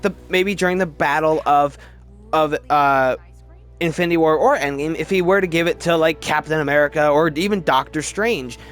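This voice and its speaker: A man hosting a video that ranks films offers casual, opinionated review commentary in a voice that's a little high with a fairly bright tone. He talks emphatically, often stammering and repeating words.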